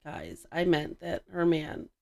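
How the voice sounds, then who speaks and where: A woman hosts a podcast in a sick, congested voice that is deep, gravelly, and darkish in tone. She chats casually and very animatedly but slowly, often restarting her sentences and correcting herself.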